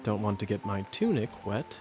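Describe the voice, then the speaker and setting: A man's voice: on the low side, sing-song, moderate pace, soft background music. An actor playing an easygoing male vampire mentor in a video game, coaxing and conversational, casually reassuring. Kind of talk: scripted game dialogue.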